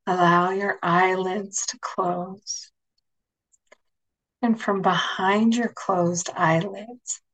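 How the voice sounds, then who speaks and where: A woman leading guided relaxation imagery as an instructor, speaking softly and soothingly, with phrases that sink toward a breathy near-whisper. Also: mid-range voice, low-quality recording.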